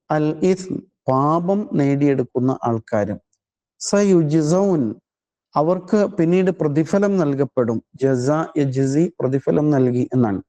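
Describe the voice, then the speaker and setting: A man's voice: mid-range voice, warm tone, muffled recording. A man teaching a scripture study class, methodically explaining the meaning of Arabic words one at a time. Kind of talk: religious study lesson.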